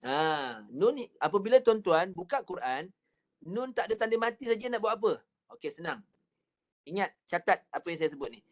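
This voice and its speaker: Malaysian male recitation teacher, slightly high voice, patient drill-style delivery on a video call. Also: sing-song. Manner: patient, repetitive drilling with counted practice and demonstrations; stretches words very slowly when showing the recitation. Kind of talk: online recitation lesson. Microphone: computer mic on a video call.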